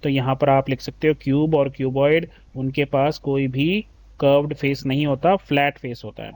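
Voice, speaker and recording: A man's voice: mid-range voice, steady tone, darkish tone. A man teaching a children's maths lesson, patiently explaining a textbook and calling the pupils "beta". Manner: reads English questions slowly, then explains in Hindi.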